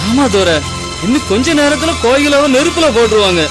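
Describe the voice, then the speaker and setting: A man's voice: very high voice, lively intonation, fairly quick. A man playing an anxious servant who pleads with his master nervously. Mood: explaining. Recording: background music.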